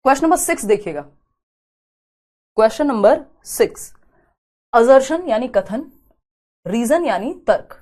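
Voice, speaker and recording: A woman's voice: a little high, lively intonation, a little slow, long pauses, darkish tone. A woman teacher giving an exam-prep lecture. She explains through rhetorical questions and frequent tag questions, mixing English terms into her talk and dictating notes.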